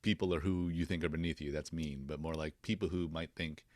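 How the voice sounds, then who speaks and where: A man's voice: very deep voice, fairly even intonation, brisk, darkish tone, dry recording, clean studio sound. A man hosting a podcast interview, talking in an earnest, reflective way with many fillers. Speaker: podcast host. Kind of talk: casual interview chat.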